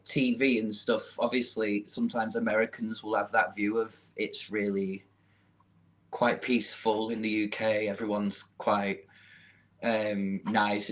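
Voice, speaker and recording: A young man with a Mancunian accent chats easily as a podcast guest. His voice sits on the low side, and he laughs often and pokes fun at himself. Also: low-quality recording. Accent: Mancunian English. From Manchester, England. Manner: chatty, laughs often, self-deprecating. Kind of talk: casual chat.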